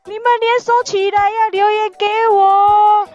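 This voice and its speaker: A woman with a very high, slightly mellow voice, speaking flatly and unhurriedly, plays a chatty pet dog co-hosting a podcast and answering listener comments. She's playful, giggly and teasing, with a Taiwanese Mandarin accent, on slightly dull audio over a music bed.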